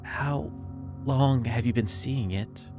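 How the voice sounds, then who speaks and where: A man voicing a frightened woman ticket agent in a horror story, very quiet and hushed. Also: medium pitch, slow pace, lightly acted. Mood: shocked. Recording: background music under the voice.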